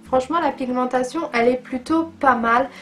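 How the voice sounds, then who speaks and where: Woman, high-pitched, chatty, enthusiastic, beauty vlog, casual product review, faint music behind. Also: moderate pace, a bit bright. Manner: chatty and enthusiastic, with frequent fillers. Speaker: beauty vlogger.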